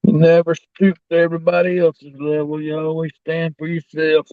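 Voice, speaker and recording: A man's voice: a little high, little pitch movement, normal speed, clear, resonant tone, dry recording. A man with a rural American accent, chatting in a folksy, casual way as a livestream host. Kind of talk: casual chat. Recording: dull lo-fi audio.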